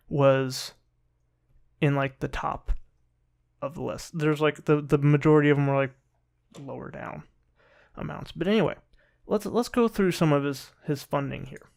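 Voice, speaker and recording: A man giving casual political commentary in a rambling, halting and sometimes sarcastic way, often restarting his sentences. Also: a little high, steady tone, creaky. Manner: rambling, halting delivery with repeated false starts. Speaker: political commentary video host.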